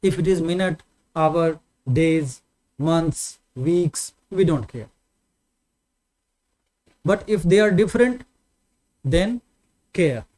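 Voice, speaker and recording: A man's voice: fairly high pitch, animated, slow pace, long pauses, a little mellow, low-quality recording. A man with an Indian accent teaching a maths class, explaining patiently, repeating points and checking in with his students. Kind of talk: online maths lesson.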